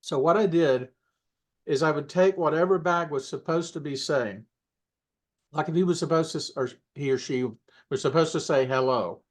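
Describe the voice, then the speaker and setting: A man, a puppeteer, telling stories in a casual interview. He rambles and corrects himself, often clearing his throat and coughing between thoughts. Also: on the high side, normal speed. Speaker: puppeteer guest.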